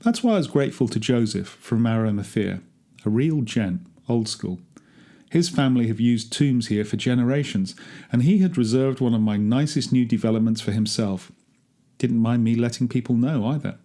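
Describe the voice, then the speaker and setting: With a mellow, natural mid-range voice and a moderate pace, a man reads aloud a dramatic monologue. Speaking as a gardener among ancient tombs, he is wry, grumbling, chatty and darkly humorous.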